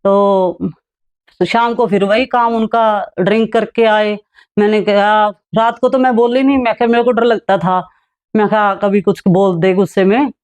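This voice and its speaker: A middle-aged woman from Haryana, India, recounts her own past on a talk show. She speaks plainly and unhurriedly at an ordinary pitch, dropping into softer, quieter asides. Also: steady tone, a little slow. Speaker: guest telling her life story. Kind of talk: personal storytelling in a talk show.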